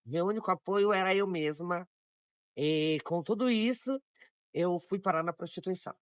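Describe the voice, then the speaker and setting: A woman in her forties giving a documentary testimony in a measured, reflective way with pauses. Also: on the low side, no echo, clean studio sound. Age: 40s. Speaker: interviewee.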